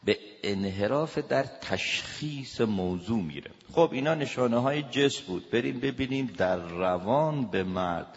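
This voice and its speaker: A man lecturing as a family counselor, fairly low in pitch and lively in delivery. He acts out small exchanges with sudden raised voices. His voice sounds dull and lo-fi, with a long reverb trailing behind it as in a big hall. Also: creaky. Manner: lively, acts out little dialogues with shouted voices.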